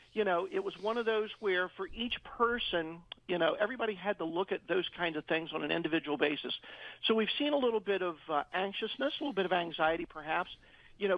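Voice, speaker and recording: High voiced guy with vocal fry explaining stuff on dull radio audio, repeats himself a bit. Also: dry recording. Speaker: financial advisor, radio guest. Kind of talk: explanatory radio interview talk.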